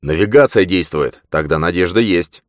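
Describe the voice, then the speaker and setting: A man's voice: sits low, moderate pace, dry recording, clean studio sound, lightly acted. A man reading an audiobook voices a firm male expedition leader who gives orders. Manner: firm, commanding.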